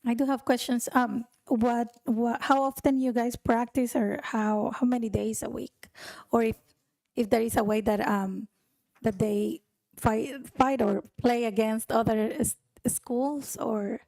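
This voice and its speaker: A woman from El Salvador, a school board member asking questions at a meeting in a halting way, often repeating words. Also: fairly high pitch, fairly even intonation, gravelly, a little mellow, dry recording. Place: district board meeting room.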